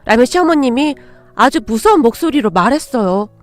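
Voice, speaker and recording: A woman's voice: fairly high pitch, lively intonation, a little fast, soft background music. A young adult woman reading a first-person radio-style story in a confiding, emotional way.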